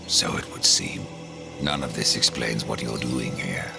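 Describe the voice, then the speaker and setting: A man's voice: very deep voice, a little slow, creaky, exaggerated voice. A man voicing Death, a grim, suspicious pale rider in a video game, terse and brooding. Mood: stern, suspicious. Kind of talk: video game cutscene acting. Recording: loud music under the voice.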